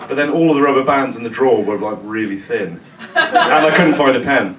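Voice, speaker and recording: A British man doing live stand-up patter in an awkward, rambling, halting way, like a comic whose jokes are bombing. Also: medium pitch, animated, a loud crowd. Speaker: stand-up comedian with songs. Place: small live comedy venue on stage. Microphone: stage microphone. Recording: echoey live venue, distant, music behind.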